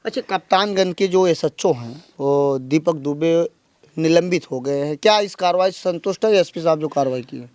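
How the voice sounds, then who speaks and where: Casting male field reporter, high voice, dry close sound, pressing questions. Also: normal speed, a little mellow, dry recording. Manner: questioning, then urgent accusatory report. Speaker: local news reporter. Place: outdoors in a village.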